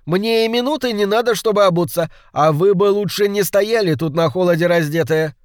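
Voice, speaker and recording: A man voicing a fussy, overly solicitous gentleman in an audiobook, speaking briskly and loudly. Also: fairly high pitch, lively intonation, no room sound, studio quality, pitched above the performer's own voice, natural voice. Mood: eager. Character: fussy, overly helpful middle-aged gentleman. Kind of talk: audiobook reading.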